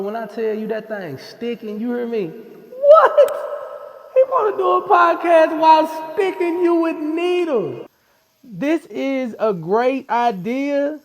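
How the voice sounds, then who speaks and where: Creaky and very high-pitched, this Missouri man in his forties jokes around while being tattooed at a tattoo studio. As a podcast guest, he keeps the conversation casual and relaxed, laughing a lot.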